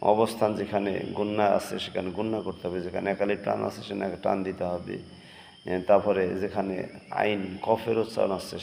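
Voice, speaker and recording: A man teaching Quran recitation in a religious lesson, breaking the verses into slow, drawn-out chanted phrases. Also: fairly low pitch, vocal fry, darkish tone, in a large hall, slight background noise.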